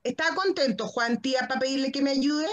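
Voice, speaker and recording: A woman kindergarten teacher, slowly sounding out syllables for small children over a video call and encouraging them patiently. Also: high-pitched. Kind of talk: online phonics lesson for young children.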